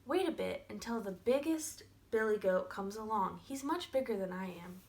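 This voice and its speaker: A woman's voice: mid-range voice, animated, normal speed, a little mellow, natural voice. Woman doing a wee, pleading little billy goat. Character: tiny young male billy goat, timid and pleading.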